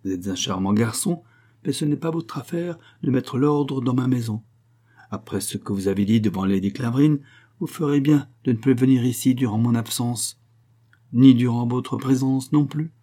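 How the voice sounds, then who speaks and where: A man's voice: medium pitch, moderate pace, warm tone, voice pushed up, close to an everyday voice. A man reading the part of a hostile, imperious baronet, cold and cutting in his questions. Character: haughty, hostile baronet, middle-aged man.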